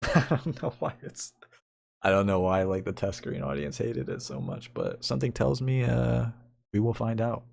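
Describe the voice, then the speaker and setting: A man's voice: mid-range voice, big pitch swings, normal speed, gravelly, a little mellow. A young man co-hosting a casual podcast, rambling with many fillers and frequent laughter. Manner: rambling, giggly, lots of fillers. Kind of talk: casual chat.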